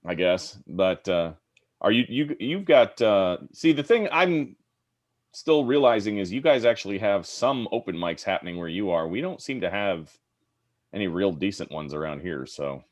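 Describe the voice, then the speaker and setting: A man's voice: deep voice, animated, moderate pace. A man co-hosting a podcast, chatting casually and teasing his friends, often restarting and trailing off. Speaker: podcast co-host. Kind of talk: casual chat.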